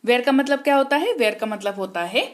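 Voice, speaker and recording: A woman's voice: a little high, animated, quick pace. Hindi-speaking woman teaching English spellings. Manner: spells words letter by letter and quizzes the viewer; repeats key points with rising question prompts. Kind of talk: online English lesson in Hindi.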